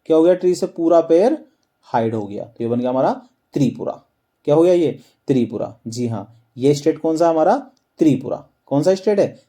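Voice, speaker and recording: A man's voice: on the high side, lively intonation, normal speed, mellow. A man teaching a map lesson, quizzing listeners with repeated questions and then answering them himself. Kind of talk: explaining a map lesson with memory tricks.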